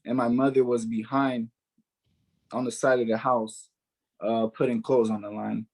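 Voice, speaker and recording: This early-twenties man, born in Haiti and brought up in the US, offers a sincere spiritual testimony in a darkish, mid-range voice. He talks a little slowly with little pitch movement, repeating important words for emphasis.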